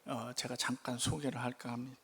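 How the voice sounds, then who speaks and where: A male pastor preaching in church, telling a story with lively turns and rhetorical questions to the congregation. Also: medium pitch, brisk, creaky, breathy edge. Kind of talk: sermon storytelling.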